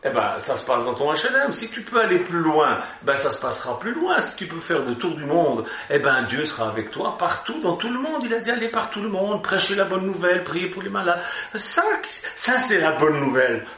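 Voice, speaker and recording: A man's voice: fairly high pitch, big pitch swings, fairly quick, bright, forceful tone. A man preaching an Easter sermon, exhorting his listeners and breaking into joking asides. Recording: roomy hall echo.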